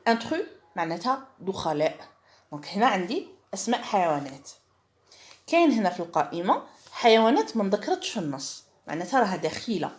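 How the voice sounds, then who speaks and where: Lively Algerian woman teaching French. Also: medium pitch. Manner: switches between French and Arabic dialect, spells out words slowly; speaks slowly and clearly when reading aloud, quick when explaining. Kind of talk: online lesson for young pupils.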